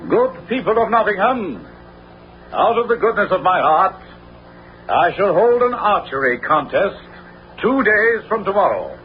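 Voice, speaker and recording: A lo-fi radio adventure recording presents a greedy, pompous villain of a sheriff. His fairly high voice swoops with bluster and vengeful grandeur. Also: very animated, unhurried. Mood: grandiose. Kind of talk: theatrical radio adventure acting. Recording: dull, lo-fi radio recording with faint noise.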